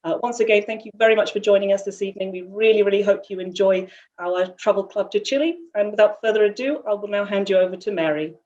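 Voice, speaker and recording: A woman's voice: mid-range voice, fast, darkish tone. Woman, event host, polite, formal, scripted, dull lo-fi sound. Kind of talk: scripted introduction. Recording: dull lo-fi audio.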